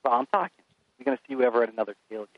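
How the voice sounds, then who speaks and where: A man's voice: mid-range voice, very fast, no room sound, phone-quality sound. A middle-aged man, chatting casually as a podcast guest and acting out stories about his kids. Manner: animated storyteller acting out his kids and himself. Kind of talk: casual chat.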